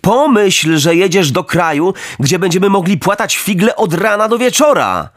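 A man voicing a reckless, cheeky boy who urges his friend along excitedly. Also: sits high, moderate pace, dry recording, studio quality, voice pushed up. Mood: persuading. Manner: excited, persuasive.

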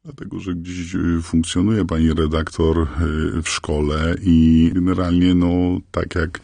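A man speaks through a disguised, electronically altered voice that sits extremely low, gravelly and husky. His delivery is halting and earnest, as he searches for his words. The sound is close and dry. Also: a little mellow, no echo. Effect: voice electronically altered and lowered to stay anonymous. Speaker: anonymous parent guest. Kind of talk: radio interview.

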